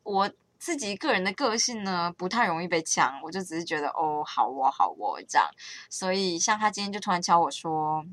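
Young taiwanese woman vlogging, rambly and playful, bright voice, dry close mic. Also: fairly low pitch, fairly quick, no room sound. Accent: Taiwanese Mandarin. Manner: rambling, self-correcting, playful. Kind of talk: casual chat to camera.

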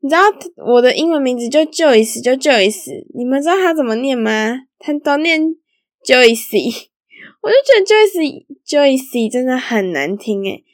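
A young woman chats through her own stories as a solo podcast host, giggly and loose, with fillers all through her speech. Her voice sits a little high. The recording is close and dry, with no room sound. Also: expressive, moderate pace, hardly any pauses, no room sound. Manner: chatty and giggly, lots of fillers like 好啦 and 反正. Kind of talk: casual solo storytelling.

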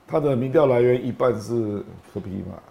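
A man's voice: mid-range voice, a little fast, gravelly, mellow. A man with a Taiwanese accent giving casual political commentary as a guest, colloquial and emphatic, with particles closing his phrases.

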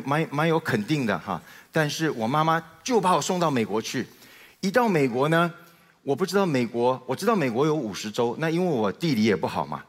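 A middle-aged man from Taiwan with a Taiwanese Mandarin accent, telling a humorous personal testimony as a guest speaker and acting out the dialogue with comic timing. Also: medium pitch. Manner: animated storyteller with comic timing, acts out dialogue. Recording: reverberant hall.

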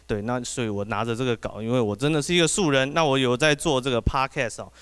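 Fast, animated Taiwanese-accented man. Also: mid-range voice, clear, resonant tone. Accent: Taiwanese Mandarin. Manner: animated, keeps tagging "you know?". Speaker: podcast host doing stand-up. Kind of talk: stand-up comedy set.

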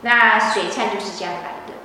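A woman's voice: mid-range voice, a little fast, bright, forceful tone, a little hiss or hum. A woman giving a scripture lecture, telling the story animatedly. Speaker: religious teacher. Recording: echoey hall from far off.

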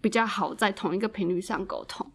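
Calm explaining woman podcast co-host. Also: medium pitch, a little fast. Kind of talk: casual podcast chat.

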